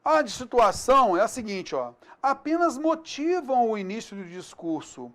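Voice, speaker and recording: In a recorded video lesson for an exam prep course, a man with a very high voice and a Brazilian Portuguese accent teaches grammar. He's colloquial and lively, checking in with quick tag questions.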